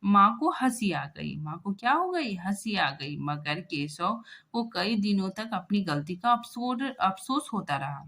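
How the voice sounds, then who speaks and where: A woman's voice: mid-range voice, big pitch swings, unhurried, sharp tone. A young woman teacher patiently explaining a school lesson, repeating herself and checking in with listeners often.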